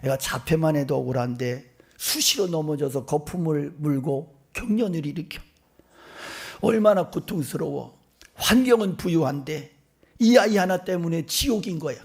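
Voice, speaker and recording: Middle-aged guy preaching, raspy gravelly voice, goes from whispering to loud and animated. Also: a little high, moderate pace. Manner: animated storytelling, acting out voices, swinging between whispers and loud outbursts. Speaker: senior pastor. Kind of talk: sermon.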